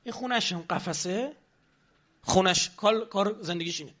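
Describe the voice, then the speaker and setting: A man's voice: sits high, a bit bright, dull audio. A man giving a lecture on politics, addressing the audience with rhetorical questions.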